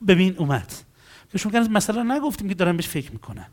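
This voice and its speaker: A man working as a counselor, telling stories about clients and acting out their dialogues in an animated way. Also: high-pitched. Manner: animated storytelling, acts out dialogues.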